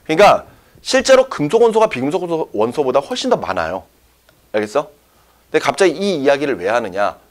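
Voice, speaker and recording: Lively male science teacher lecturing. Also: a little high. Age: young adult. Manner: lively, checks often with students. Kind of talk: classroom lecture.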